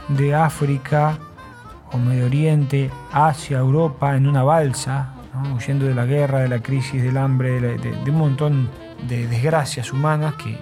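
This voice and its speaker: A man hosting a radio show, giving unhurried, reflective commentary between songs and often ending thoughts with a tag question. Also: mid-range voice, mellow. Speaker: radio host.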